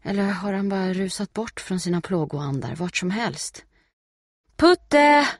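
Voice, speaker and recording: A man reading a novel aloud as an audiobook narrator, in a steady, measured way. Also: high-pitched, no echo, clean studio sound.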